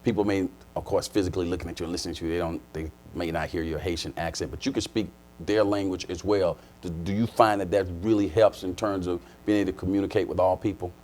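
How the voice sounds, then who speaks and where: A man's voice: low voice, fairly even intonation, quick pace, hardly any pauses, darkish tone, a little hiss or hum. A man hosting an interview in an informal, playful way, prompting his guest with questions. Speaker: talk show host. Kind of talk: conversational interviewing.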